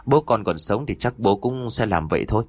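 Brief: man as a calm young son reasoning with his mother, audio story, dry close sound. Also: lowish voice, brisk, no room sound. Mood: placating. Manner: reasoning, placating.

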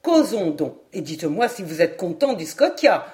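A woman reading an audiobook, voicing a talkative, excitable male foreign traveler who rattles on from one topic to the next. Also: fairly low pitch, moderate pace. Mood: effusive. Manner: voluble, effusive, jumps between topics.

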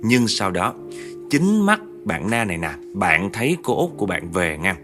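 Man, ghost story narration, chatty, low voice, faint background music. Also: big pitch swings, normal speed. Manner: chatty, addresses listeners directly.

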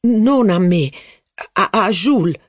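Servile footman, deferential, eager to report, slightly raised voice, husky, dry recording, read by a man. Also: high voice, animated, slow pace, no echo, pitched above the performer's own voice, exaggerated voice. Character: anxious male footman, servile.

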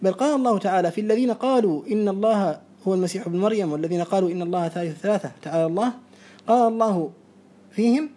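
A man teaches a religious lesson in a measured, deliberate way, reciting verses and quoting scholars as he explains. His voice sits high, yet the tone is mellow and dark rather than bright. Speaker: Islamic lecturer.

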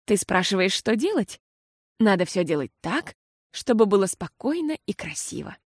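A woman voicing a patient, tired mother who talks slowly and soothingly. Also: medium pitch, big pitch swings, no echo, clean studio sound. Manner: slow and soothing.

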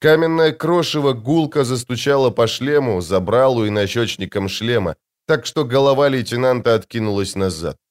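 A man narrating an audiobook in an expressive, dramatic manner with tense, measured delivery. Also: medium pitch.

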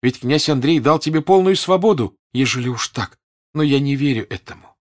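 A man's voice: medium pitch, expressive, brisk, voice pushed up, close to an everyday voice. A man reading an audiobook and voicing an earnest young woman who presses with worried questions.

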